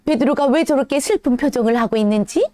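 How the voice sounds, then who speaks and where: A woman as a children's church teacher, telling a Bible story to toddlers in a gentle, animated way. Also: high voice, fast, dry recording, studio quality.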